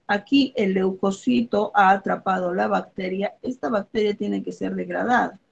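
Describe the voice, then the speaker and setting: Gravelly-voiced woman teaching biology. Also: mid-range voice, dull audio. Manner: explains with everyday examples, checks in with "¿ok?" and "¿ya?". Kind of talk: online review lesson.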